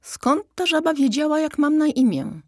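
A woman's voice: sits high, big pitch swings, normal speed, no echo, studio quality, voice pushed up. Woman doing a proud guinea pig detective. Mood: excited. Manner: eager, proud.

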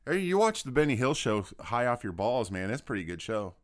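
A man's voice: medium pitch, big pitch swings, brisk, over a noisy crowd. A man co-hosting a podcast, telling rambling crude stories in a casual way. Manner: rambling, laughing storyteller.

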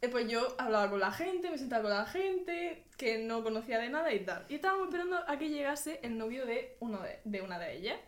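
Lively young Murcian woman telling a story. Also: a little high, brisk, few pauses. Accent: Spanish from Murcia. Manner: laughing often, acting out quoted dialogue. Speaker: podcast guest. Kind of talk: casual storytelling. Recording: echoey room.

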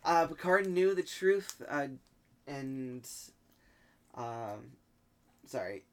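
A man hosting a podcast and recapping an episode in a relaxed way, with lots of ums. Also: medium pitch, clean tone. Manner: easygoing, halting with many ums. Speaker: podcast host. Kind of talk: casual recap chat.

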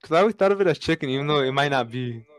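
A man's voice: on the high side, very fast, rough recording. Young man rambling through a story. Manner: storytelling, animated with lots of fillers. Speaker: podcast co-host. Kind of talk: casual chat.

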